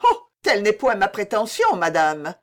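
A woman's voice: medium pitch, big pitch swings, measured pace. A woman reading the part of a jealous, petulant young prince who answers bitterly and indignantly.

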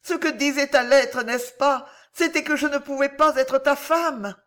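A woman's voice: sits high, a little slow, fairly bright tone, voice pushed up. A woman reading an audiobook, voicing a passionate young noblewoman in a heightened, tremulous way. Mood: pleading passion.

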